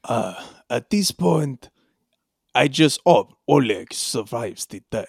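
A man playing a stern Soviet handler, speaking gravely and deadpan. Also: mid-range voice, slow pace, heavily acted.

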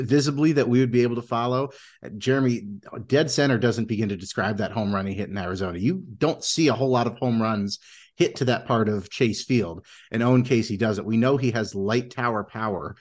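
A man co-hosting a casual sports podcast, joking and teasing his co-hosts. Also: mid-range voice. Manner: teasing, playful. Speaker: podcast co-host.

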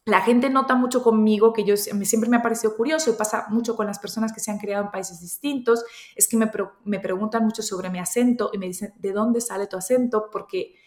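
A woman's voice: medium pitch, steady tone, brisk, hardly any pauses, darkish tone, echoey room. A woman in her thirties from Colombia, with an accent that mixes Colombian and Spain Spanish, answering interview questions in a reflective way and often restarting her sentences. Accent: mixed Colombian and Spanish. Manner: reflective, thinks aloud with frequent restarts. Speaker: interview guest. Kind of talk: conversational interview.

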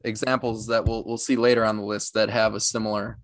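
A man's voice: on the low side, level tone, fairly quick, no echo, studio quality. A man co-hosting a casual podcast, easygoing and hesitant, often restarting his sentences. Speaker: podcast co-host.

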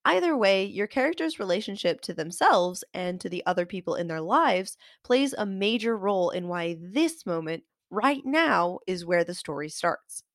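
Woman host w a stuffy nasal head-cold voice, explaining stuff clearly like a scripted lesson, dry sound no room. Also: lowish voice, lively intonation, moderate pace, few pauses, no room sound. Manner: articulate, explanatory, addresses listeners directly. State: getting over a cold. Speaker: host of a fiction writing show, author. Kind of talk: scripted instructional narration.

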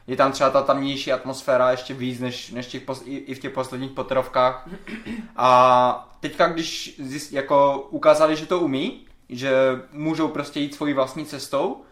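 A Czech man co-hosting a casual film podcast, rambling and getting animated when worked up. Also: mid-range voice. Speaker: podcast co-host. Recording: roomy echo.

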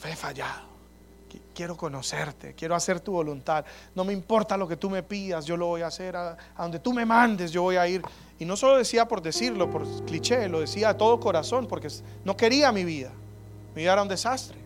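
A man preaching an earnest, personal sermon on prayer, often dropping to soft prayerful tones. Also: high-pitched, brisk. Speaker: pastor. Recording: music bed under the voice. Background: soft instrumental music.

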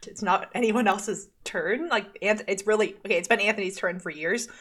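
A woman's voice: mid-range voice, moderate pace, fairly bright tone, breathy edge. Chatty woman podcast co-host. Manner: chatty, many "like" fillers, laughs often. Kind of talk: casual chat recapping a TV episode.

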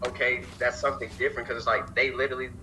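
Young man, casual podcast chat, very bright voice, faint background hiss, animated. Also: mid-range voice, racing, low-quality recording. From Alabama, US. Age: young adult. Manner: animated, swears freely, keeps saying "you feel me".

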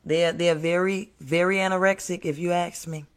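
A man's voice: high-pitched, fairly even intonation, normal speed, clean tone. An American man preaching an impromptu, fiery sermon in the manner of a doomsday street preacher, emphatic, repeating phrases and addressing listeners directly.

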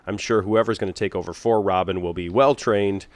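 A man's voice: low voice, steady tone, fairly quick, no room sound. A man who is a teacher co-hosting a school podcast, chatting in an easygoing way. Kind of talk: casual chat.

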